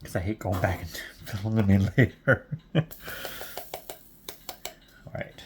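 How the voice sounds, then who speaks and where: Chatty, low-voiced man chuckling as he knits. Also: slow, noisy background. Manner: chatty and rambling, with frequent chuckles. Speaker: knitting vlogger. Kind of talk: casual chat while knitting.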